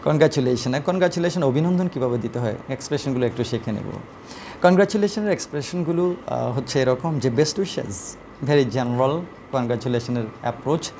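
Man teaching, slow deliberate phrases. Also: medium pitch, darkish tone, a little hiss or hum. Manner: slow, deliberate reading of example phrases with frequent "uh" fillers. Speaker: English teacher. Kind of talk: spoken English lesson.

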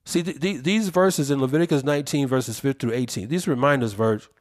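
A man with a medium-pitched voice speaks fairly quickly as a co-host on a podcast of opinionated commentary. His delivery is emphatic and preacherly, drawing out the words he stresses.

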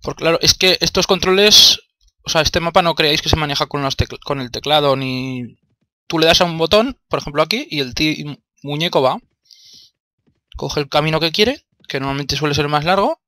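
A man's voice: fairly high pitch, pushed and bright. A young man from Spain with a Spanish accent, commentating his own gameplay, grumbling and swearing as he plays. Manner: exasperated, swears often, talks to himself. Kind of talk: let's play commentary.

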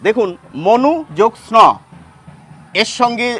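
A man's voice: very high voice, fairly even intonation, measured pace, soft background music. A man with a Bengali accent teaching a grammar lesson, sounding out example words and asking questions before he answers them.

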